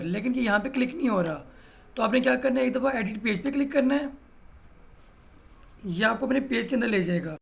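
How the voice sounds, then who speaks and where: A man's voice: extremely high pitch, vocal fry, a bit bright. A man teaching a step-by-step screen-recorded web design lesson, often adding "भाई" as he explains. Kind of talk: screen-recorded software tutorial.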